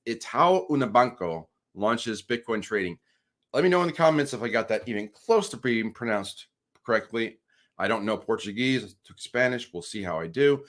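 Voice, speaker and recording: A man hosting a crypto channel, reading news articles aloud with wry asides and frequent restarts. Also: mid-range voice.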